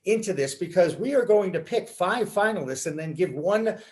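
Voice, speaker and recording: Chatty host on a video call. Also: male voice, high-pitched, lively intonation, moderate pace. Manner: chatty, enthusiastic. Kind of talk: casual interview chat. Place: home room, video call. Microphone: video call webcam.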